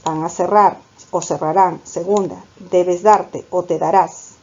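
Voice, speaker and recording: A woman's voice: lowish voice, steady tone, measured pace, darkish tone, dull audio. A woman teaching a grammar lesson to students, calling them "chicos" and asking questions she then answers herself. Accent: Peruvian Spanish. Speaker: language teacher. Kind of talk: classroom lecture.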